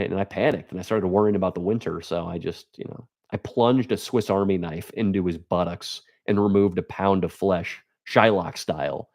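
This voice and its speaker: A young livestream host with a low-sitting voice chats casually with viewers and reads out their comments. He throws in crude deadpan jokes and rambling asides.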